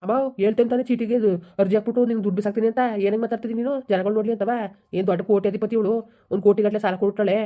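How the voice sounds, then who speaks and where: A woman's voice: medium pitch, fairly even intonation, rapid-fire, warm tone, natural voice. A woman playing a rude young male debtor who mocks the woman he owes money in a village drama. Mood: insolent. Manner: mocking, dismissive.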